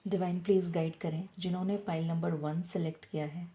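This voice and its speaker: A woman, a tarot reader leading a slow prayer and reading, a little out of breath. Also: lowish voice, steady tone. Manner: slow and soft, switching between Hindi and English.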